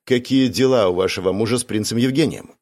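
A man's voice: on the low side, fast talker, a little mellow. A man voicing a cold, stern young woman. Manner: cold, clipped questioning.

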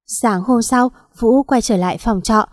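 A woman's voice: fairly high pitch, measured pace, dry recording, studio quality. A woman narrating a sad story in a plaintive, emotional reading.

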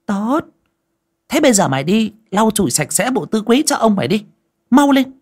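A man voicing a cruel young mistress of a household, scolding her servant in a sour, shrill voice. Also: very animated, normal speed. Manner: scolding, threatening, swaggering. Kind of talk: audio folk story narration.

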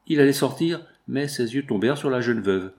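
A man narrating a classic novel as an audiobook, in a measured, even reading. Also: mid-range voice. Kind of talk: scripted narration.

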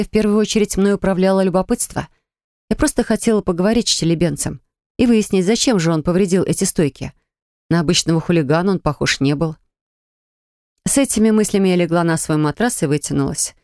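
A woman's voice: fairly low pitch, a little mellow, no room sound, clean studio sound. A woman reading scripted first-person fiction as an audiobook narrator.

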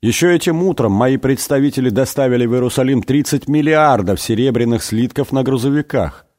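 A man's voice: medium pitch, brisk, a little mellow, voice pushed up, lightly acted. A man doing a whispering, sinister visitor. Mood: displeased. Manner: displeased whisper.

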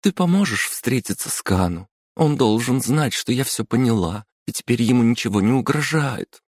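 Male narrator doing a crying, remorseful young woman, high and loud, for a storybook. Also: lively intonation, normal speed, dry recording, studio quality, natural voice. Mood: pleading.

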